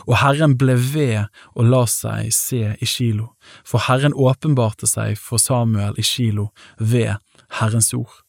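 Male scripture reader, measured delivery, dry close mic. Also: mid-range voice, gravelly, dry recording. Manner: measured, even-paced reading with lightly voiced quotes. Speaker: Bible reader. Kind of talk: scripture reading.

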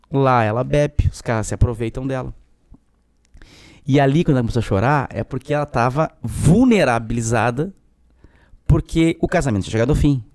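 A man in his forties with a southern Brazilian Portuguese accent, a podcast guest telling stories from his work in a frank, animated way. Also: mid-range voice, no room sound. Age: 40s. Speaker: podcast guest, public defender. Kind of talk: casual storytelling.

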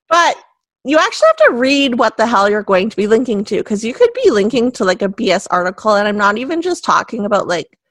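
A woman's voice: on the high side, sing-song, fairly bright tone, no room sound. A woman co-hosting a podcast in a casual, chatty way, laughing often between points. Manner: giggly, chatty, quick asides. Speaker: podcast co-host.

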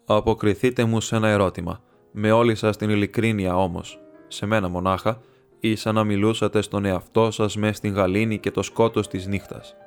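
A man voicing a meek, earnest older monk who speaks gravely and pointedly. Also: fairly low pitch, fairly even intonation, faint music behind, lightly acted. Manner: grave and piercing.

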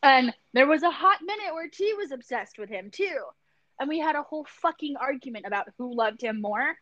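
A woman's voice: high-pitched, lively intonation, fairly quick, fairly bright tone, no echo, dull audio. A woman co-hosting a podcast in casual chat, teasing and sweary, laughing often. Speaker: podcast co-host.

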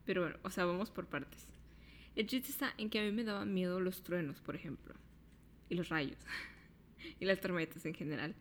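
A woman with a Mexican accent who co-hosts a casual chat. She keeps it relaxed and reacts with short fillers. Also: on the low side, moderate pace, long pauses, slight background noise. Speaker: co-host.

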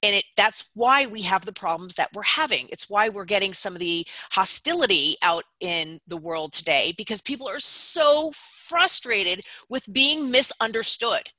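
A woman's voice: mid-range voice, normal speed, few pauses, pushed and bright, dry recording. A woman company founder speaking as an interview guest. She explains her ideas emphatically and step by step, often checking in with "right?".

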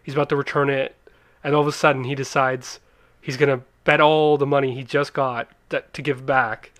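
A man's voice: mid-range voice, level tone, brisk, a bit bright, dry recording, clean studio sound. A Canadian man co-hosting a casual chat about a film, rambling and restarting his sentences. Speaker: podcast co-host.

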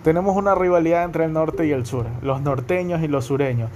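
A man's voice: on the high side, a little fast, a little mellow, a little hiss or hum. A young man from Guayaquil with a coastal Ecuadorian accent, hosting a casual podcast monologue and checking in with his listeners often. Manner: chatty, repeats ¿me entienden?. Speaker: podcast host.

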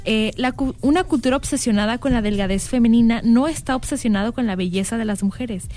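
A woman's voice: fairly high pitch, brisk, a little mellow, faint music behind. A young woman with a Mexican accent, co-hosting a casual panel chat and thinking aloud with frequent fillers. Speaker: podcast co-host.

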